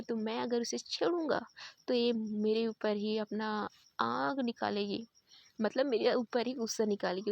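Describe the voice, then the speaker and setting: A woman with a high voice retelling a story in a chatty, casual manner, leaning on repeated fillers. The recording is dry and close, with no room sound. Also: creaky, dry recording.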